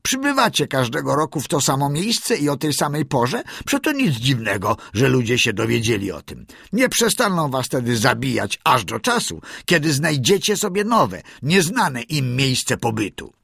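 A man voicing an old male sea lion who calmly gives advice in a slow, measured way. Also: mid-range voice, gravelly, slightly rough, no room sound, studio quality, pitched above the performer's own voice, full character voice. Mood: advising.

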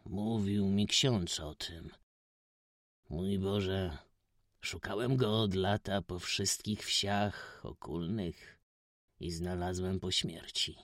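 A reserved, world-weary gentleman stranger, voiced by a man reading aloud, speaks low, slow and hushed. His words come carefully, a little lower than the storyteller's own voice, in a dry close recording. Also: no room sound. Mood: subdued sorrowful. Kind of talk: audiobook character voice.

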